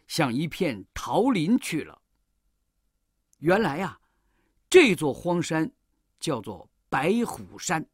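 A woman storyteller narrating a children's story in a slow, drawn-out, animated way. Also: low voice, slightly rough, dry recording, clean studio sound.

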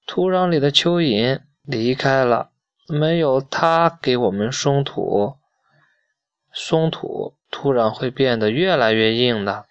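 Guy reading as a tired old sick tree grandpa from a kids' story, sighing, slow and low. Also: smooth, no room sound, muffled recording, close to an everyday voice. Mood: weary, sighing. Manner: weary, sighing. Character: sighing ailing old male poplar tree.

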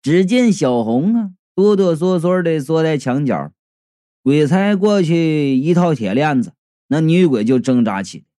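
Male storyteller, animated and mellow, comic narration, faint music bed. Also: on the high side, unhurried, dry recording, clean studio sound. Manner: lively, colloquial, voices the characters.

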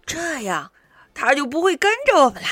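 A woman reading a children's storybook, voicing a boastful young male anteater big brother who scolds and shouts. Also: high voice, very animated, normal speed, pitched above the performer's own voice. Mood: bossy scolding.

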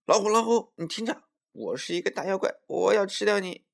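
A man doing a squeaky little squirrel. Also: expressive, a little fast, vocal fry, exaggerated voice. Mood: triumphant. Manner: squeaky, pleading then bold. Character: clever brave little squirrel.

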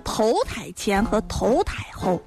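A woman's voice: medium pitch, lively intonation, slow pace, vocal fry. A woman with a Shaanxi accent co-hosting a comic radio skit, emphatic and full of exclamations. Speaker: radio comedy co-host. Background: music.

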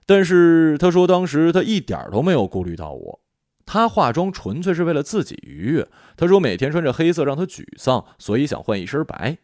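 A man narrating a first-person story in a calm, reflective way. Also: a little high, fairly quick, no room sound, studio quality.

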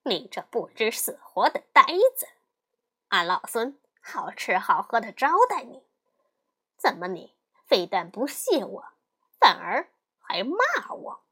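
A woman's voice: fairly high pitch, sing-song, takes it slowly, long pauses, sharp tone, heavily acted. Sun Wukong, a cocky monkey king, as a woman puts him on. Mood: scornful. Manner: swaggering, threatening, scornful sneers. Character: brash boastful male monkey king. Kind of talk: storybook character voice.

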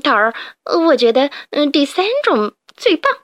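A woman's voice: high-pitched, animated, unhurried, fairly bright tone, dry recording, voice pushed up. A woman voicing an eager, fawning male rat henchman in a storybook.

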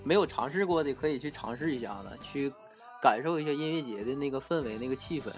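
A man with a Northeastern Mandarin accent chatting casually as a podcast co-host, telling stories with halting restarts. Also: medium pitch, animated, faint music behind. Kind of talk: casual chat.

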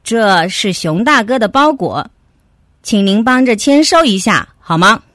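A woman's voice: medium pitch, lively intonation, unhurried, a bit bright, no room sound, clean studio sound. A woman voicing a polite male mail carrier from the forest post office in a children's story. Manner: polite and formal.

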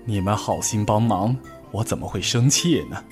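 A warm-hearted old granny bear from a storybook, speaking gently and cheerfully, as a man puts her on. She talks a little lower and quieter, at an unhurried pace. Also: expressive, music in the background. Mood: gentle. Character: kind, lonely old grandma bear.

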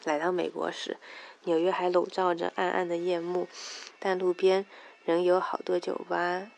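A woman's voice: on the low side, flat delivery, moderate pace, creaky, darkish tone, a little hiss or hum. A woman casually reading a novel aloud, with crude asides of her own. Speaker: reader.

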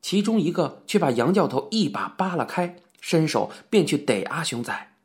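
A man's voice: fairly high pitch, sing-song, normal speed. A man narrating a novel as an audiobook, telling the story expressively. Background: faint music.

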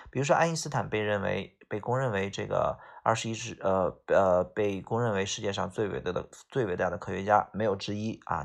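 Male tutor running through exam vocabulary with a gravelly voice, patient, drawn-out English repeats. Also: on the low side. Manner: explains in Chinese, repeats English words slowly, frequent "OK啊" tags.

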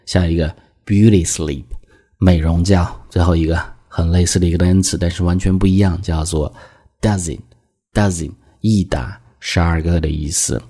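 A man teaching an English vocabulary lesson in Chinese, explaining each word step by step and reading the examples slowly. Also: low voice, steady tone, mellow, slightly rough.

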